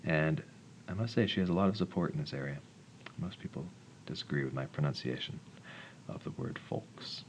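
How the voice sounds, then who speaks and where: Low-voiced man mumbling through math. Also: normal speed, lo-fi sound, slight background noise. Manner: mumbles calculations, jokes self-deprecatingly. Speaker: math teacher. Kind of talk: casual worked-solution walkthrough.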